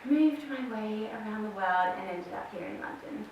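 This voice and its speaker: A woman's voice: medium pitch, normal speed, a little mellow. A woman in her thirties with an Australian accent, chatting as a podcast guest and telling her story with many fillers. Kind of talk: casual interview chat. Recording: echoey room, distant mic, faint hiss.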